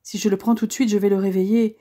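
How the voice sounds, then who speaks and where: A woman reading a first-person audiobook in a measured, earnest storytelling manner. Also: medium pitch, little pitch movement, warm tone. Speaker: audiobook narrator.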